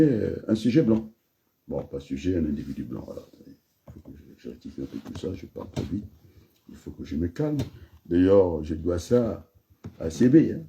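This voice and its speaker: Deep-voiced rambling Congolese man. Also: gravelly, mellow. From Republic of the Congo. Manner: rambling, digressive, with many restarts and asides. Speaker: speaker. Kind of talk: freewheeling spoken address.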